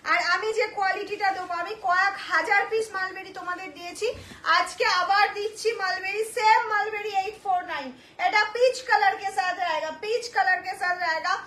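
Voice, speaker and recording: High, bright-voiced woman selling saris live. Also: fairly even intonation, a little fast. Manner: repetitive, urgent, coaxing buyers; mixes in Hindi and English phrases. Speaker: saree seller hosting a live sale. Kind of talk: live-stream sales pitch. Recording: echoey room with faint noise.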